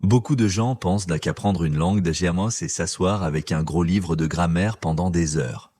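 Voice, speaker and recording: Deep-voiced man co-hosting a podcast. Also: normal speed, darkish tone, no echo, studio quality. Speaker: podcast co-host. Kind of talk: scripted podcast dialogue for learners.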